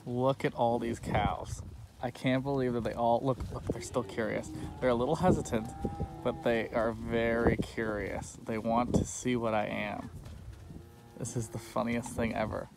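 A young man's mid-range voice, steady in tone with vocal fry, moves at normal speed through an easygoing, enthusiastic road-trip vlog with voice-over. He holds his phone camera at arm's length outdoors on open land, with wind in the background.

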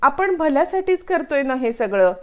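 A woman's voice: high voice, sing-song, moderate pace, pitched above the performer's own voice. A woman reading the lines of a caring young daughter-in-law who reassures others. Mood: reassuring.

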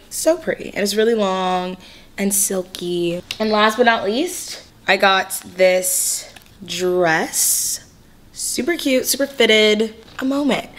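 A woman's voice: medium pitch, a bit bright. A young woman in her twenties from California, chatting in a bubbly, slangy way through a clothing haul vlog. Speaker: fashion vlogger.

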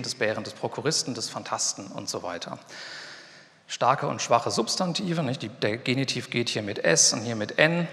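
A man's voice: medium pitch, fairly bright tone. A middle-aged man giving a university lecture in a casual, chatty way, with fillers and asides. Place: lecture hall. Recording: long reverb of a lecture hall.

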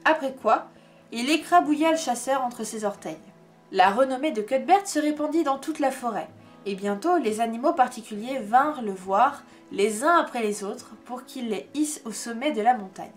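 Woman reading a story out loud, high voice, expressive, faint music in the back. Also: normal speed. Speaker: reader.

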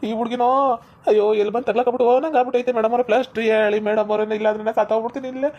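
A woman's voice: a little high, little pitch movement, very fast, lightly acted. A woman playing a panicky sick villager, whiny and pleading. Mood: wailing. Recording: dull lo-fi sound.

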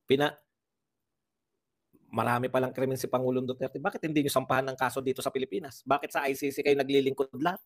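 A man's voice: mid-range voice, no room sound, studio quality. A man doing livestream political commentary, talking in an impassioned way and firing off rhetorical questions. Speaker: political vlogger.

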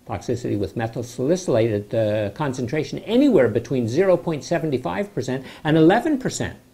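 An older man, a doctor, talking to camera from a home study in a measured, explanatory way with a skeptical edge. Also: mid-range voice, vocal fry, warm tone. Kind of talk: informal health explainer to camera. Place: home study with bookshelves, indoors.

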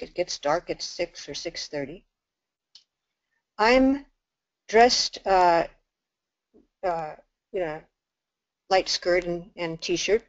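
An older woman, a nun, telling a story in a talk as an animated storyteller who acts out the dialogue. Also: fairly low pitch, no echo. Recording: dull lo-fi dry recording.

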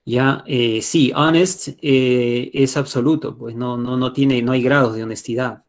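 A man's voice: medium pitch, steady tone, a little slow. Patient Peruvian Spanish male teacher. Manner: patient, explanatory, checks in with students. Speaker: English teacher. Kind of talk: live online class.

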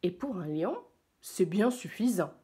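A woman teacher reading a picture book aloud to young pupils, slow and expressive. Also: lowish voice.

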